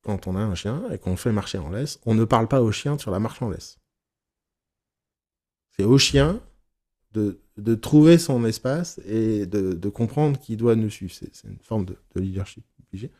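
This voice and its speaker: A man leading a casual teaching session for therapists, frank and animated, swearing casually and acting out his examples. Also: fairly low pitch, normal speed. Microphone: recorded live session, on YouTube.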